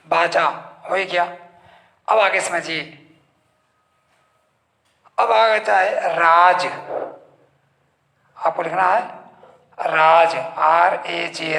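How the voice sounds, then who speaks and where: A man's voice: fairly high pitch, vocal fry, bright, forceful tone. A man teaching young children to spell words in English, sounding out each word letter by letter and repeating it. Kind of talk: slow spelling lesson for children. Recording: echoey room.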